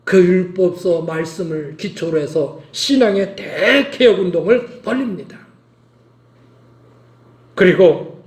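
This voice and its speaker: A man's voice: sits high, reverberant. A male pastor preaching a sermon, emphatic and urging his listeners to act, repeating his calls.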